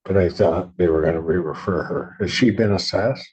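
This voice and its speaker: A man's voice: deep voice, moderate pace, a little mellow, breathy edge, low-quality recording. A man presiding as a judge in court, asking blunt, clipped questions, heard through a courtroom recording. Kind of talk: courtroom proceedings.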